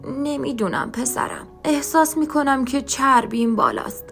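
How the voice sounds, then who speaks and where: A woman voicing a frail, limping old woman who talks slowly and gently, in a motherly way. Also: high voice, sing-song, gravelly, soft background music, voice pushed up, exaggerated voice. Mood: sweet, chatty.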